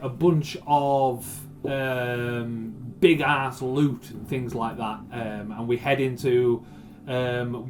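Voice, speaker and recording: A man runs a tabletop game session as its game master. He narrates in a loose, meandering way and often stops to hunt for the next word. His voice sits at an ordinary pitch for a man. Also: darkish tone, a little hiss or hum. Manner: meandering, searches for words often.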